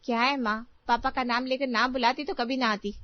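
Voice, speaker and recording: A woman's voice: on the high side, steady tone, fairly quick, dry recording, lo-fi sound, close to an everyday voice. A woman playing a sulky young daughter. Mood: reproachful. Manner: sulky, reproachful.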